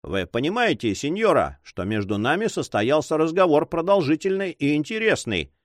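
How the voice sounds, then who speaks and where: A man's voice: fairly high pitch, very animated, normal speed, dry recording, clean studio sound. A man reading aloud, voicing a respectful, eager male messenger addressing a lady. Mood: earnest.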